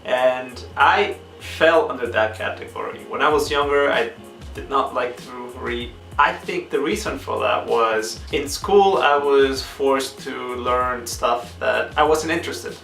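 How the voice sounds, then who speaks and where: A man's voice: medium pitch, gravelly, a bit bright. A young man from Peru, hosting a book channel and earnestly answering questions one by one in a casual vlog, now and then searching for a word. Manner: earnest, measured, sometimes searching for words. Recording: echoey room, distant mic, faint guitar music.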